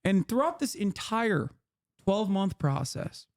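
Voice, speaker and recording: Streamer host, man, 30s, slightly high voice, heated and profane explainer. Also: big pitch swings, measured pace. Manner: impassioned, profane, rising to near-shouting emphasis. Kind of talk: heated political explainer to a guest.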